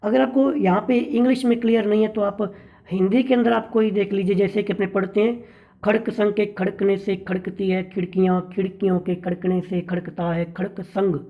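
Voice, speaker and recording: A man's voice: sits high, level tone, moderate pace, highs cut off. A male English literature teacher giving an exam-prep lesson, explaining step by step and checking in with his listeners.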